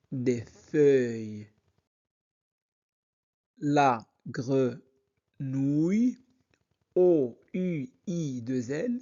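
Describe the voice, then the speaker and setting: Very slow, patient male reading teacher. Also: medium pitch, mellow, lo-fi sound. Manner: very slow, syllable by syllable, repeating words. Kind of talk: slow reading lesson, spelling out sounds.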